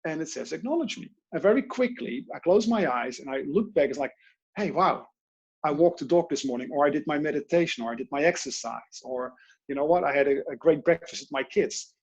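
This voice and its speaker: A coach from the Netherlands with a Dutch accent animatedly tells stories in an online interview, quoting inner voices aloud. His voice is on the high side with a breathy edge and a fairly quick pace, and the video-call audio has its highs cut off.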